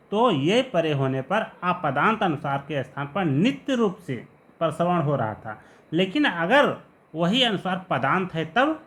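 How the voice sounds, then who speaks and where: Male grammar teacher, a touch high-pitched, patient and repetitive explaining. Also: a bit bright. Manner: patient, repeats each example word slowly. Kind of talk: explanatory lesson.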